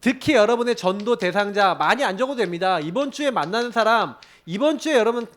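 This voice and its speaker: Lively high-voiced male pastor preaching. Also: brisk. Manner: animated storytelling preacher, acts out quoted prayers and arguments. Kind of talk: sermon.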